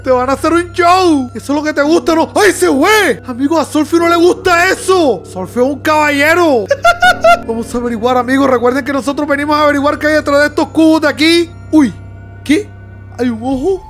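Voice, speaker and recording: A man with a high voice, from Latin America, talks through a horror game for his viewers. He is excitable and jokey, and music plays faintly underneath. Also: fairly quick. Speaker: gaming youtuber. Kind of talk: lively gameplay commentary.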